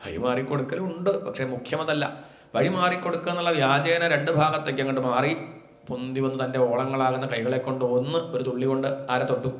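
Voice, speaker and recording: A man gives a devotional scripture discourse, retelling the story and slowing to chant Sanskrit verses. His voice sits at a middle pitch. The recording carries a noticeable room echo. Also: fairly even intonation. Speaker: Bhagavatam teacher.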